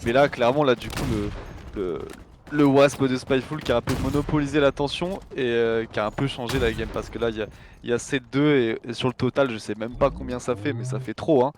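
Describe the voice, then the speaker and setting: A man's voice: mid-range voice, steady tone, a little fast. A man commentating a match live as an esports caster, informal and conversational, often repeating phrases. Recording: faint gunfire and game noise behind.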